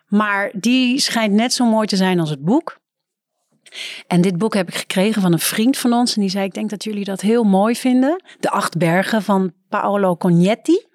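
A woman's voice: moderate pace, dry recording. Chatty author woman, dry sound. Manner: lively, quotes texts in a higher playful voice. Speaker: guest author. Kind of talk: casual podcast conversation.

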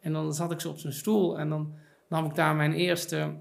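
A man's voice: on the high side, little pitch movement, moderate pace, gravelly. A middle-aged man, a podcast guest and author, talking reflectively in a casual chat with many fillers and repeated words. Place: podcast studio.

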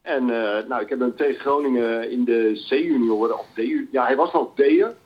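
A man calling into a live football show as an analyst, lively and enthusiastic describing players. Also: mid-range voice, moderate pace. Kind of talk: casual call-in commentary. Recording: dull lo-fi phone line.

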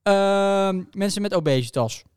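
A man's voice: high voice, expressive, unhurried, a little mellow, clean tone, dry recording, clean studio sound. A man in casual chat, ranting indignantly and repeating words when annoyed.

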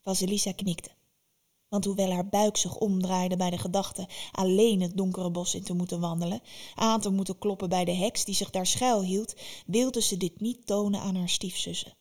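A woman narrating a fairy tale in a lively, expressive storytelling manner. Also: mid-range voice.

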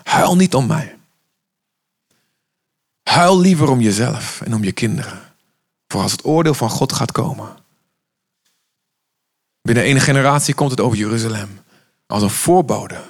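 Guy preaching hard, urgent sermon, average pitch. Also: expressive, normal speed, pauses often. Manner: urgent, impassioned preaching, acting out Jesus' words.

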